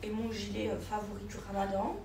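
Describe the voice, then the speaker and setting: A woman's voice: mid-range voice, little pitch movement, fairly quick, gravelly, warm tone, a little hiss or hum. A woman in her thirties chatting casually to her followers in a vlog, filming herself on the go. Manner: chatty, keeps calling out to her viewers. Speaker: vlogger. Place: indoors then car and shops, mostly on the go.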